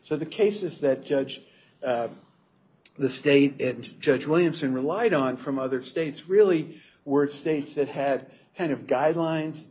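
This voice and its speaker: A man's voice: mid-range voice, a little mellow, breathy edge. Man arguing formally, muffled sound. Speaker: appellate defense lawyer. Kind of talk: formal oral legal argument. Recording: dull courtroom recording, faint noise.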